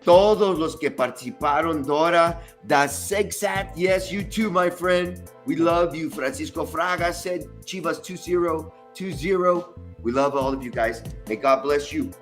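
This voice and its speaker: A man's voice: fairly high pitch, measured pace, few pauses, fairly bright tone, faint music behind. A man co-hosting a live fan show, talking in an effusive, emphatic way and repeating his phrases. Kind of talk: casual live-stream chat.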